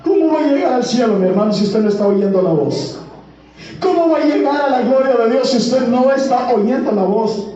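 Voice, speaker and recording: A man's voice: very high-pitched, lively intonation, moderate pace, mellow, a little hiss or hum. A man preaching a sermon, pressing his listeners with rhetorical questions. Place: church hall. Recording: echoey, distant, dull church recording.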